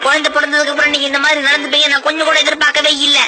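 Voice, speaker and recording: A woman's voice: high-pitched, monotone, racing, natural voice. A woman voicing a cheeky, sulky five-year-old boy in a cartoon dub, talking in a whiny, wheedling way. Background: loud background music.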